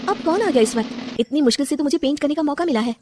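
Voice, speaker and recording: Lady doing a moody young wife, sulky and curt, pitched up high, lots of swing. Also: lively intonation, fast, over music. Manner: sulky and curt, then tearful. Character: young unhappy wife who dreams of painting.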